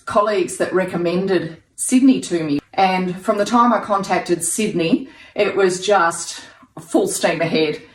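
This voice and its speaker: A woman giving an excited testimonial about her book, out of breath and gushing with delight. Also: on the low side, reverberant. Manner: gushing, elated.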